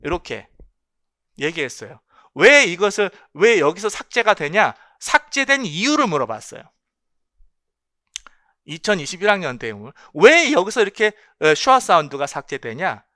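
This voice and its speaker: Male exam-prep lecturer, high bright voice, emphatic and repetitive. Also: sing-song, normal speed, no room sound, clean studio sound. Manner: emphatic, asks rhetorical questions and repeats key points. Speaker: English linguistics lecturer.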